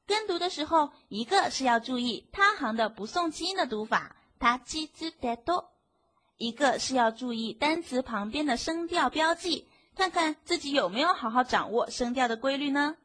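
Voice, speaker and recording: A woman's voice: high voice, lively intonation, moderate pace, a bit bright. A woman teaching a beginner language lesson, explaining patiently step by step and asking the class questions. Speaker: Japanese teacher.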